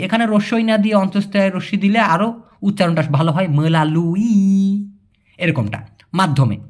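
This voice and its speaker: A young man from Bangladesh teaching Malay in a casual way, answering viewer questions, chatty and repeating key words slowly. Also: high voice. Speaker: language teacher.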